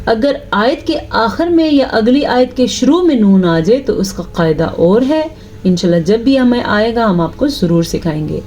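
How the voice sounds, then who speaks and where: A woman teaching tajweed, explaining each rule patiently and checking her students follow, then reciting verses slowly in a drawn-out chant. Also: a little high, lively intonation, a little mellow, a little hiss or hum. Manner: explains rules patiently, asks "ٹھیک ہے؟" after each point.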